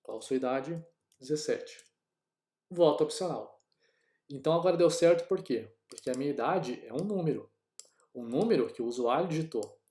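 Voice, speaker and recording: A man's voice: a little high, expressive, normal speed, warm tone. A man from Brazil teaching a coding lesson, talking casually through each step aloud to his class. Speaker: programming teacher. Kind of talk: screen-recorded coding lesson. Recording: echoey room.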